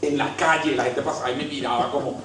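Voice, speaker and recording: A man with a Colombian accent preaching, telling funny stories about himself and swinging between hushed and loud. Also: mid-range voice, fairly even intonation, fast talker, a little hiss or hum. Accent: Colombian Spanish. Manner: storytelling, self-mocking, swings from hushed to loud. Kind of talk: humorous sermon. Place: large hall. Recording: very echoey hall, mic at a distance.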